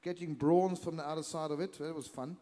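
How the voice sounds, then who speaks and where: A man's voice: on the high side, fairly even intonation, brisk, mellow. Jovial man hosting in a big hall. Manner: jovial, teasing, chatty. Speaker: host of cooking demo sessions. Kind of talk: casual live event hosting. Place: large convention hall. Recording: hall reverb.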